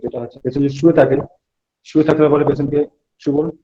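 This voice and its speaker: Man, medical lecturer, bedside teaching, rapid delivery, dull lo-fi sound. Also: a little high, level tone, dark tone. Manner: instructive, addresses students and coaches a patient. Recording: dull lo-fi recording.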